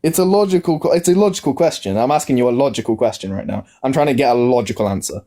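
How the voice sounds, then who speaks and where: A man's voice: mid-range voice, quick pace, mellow. A young man in his early twenties in a casual live-stream debate, pressing the same question over and over with stumbling restarts. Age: young adult. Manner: insistent, repetitive, stumbling restarts. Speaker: livestream guest.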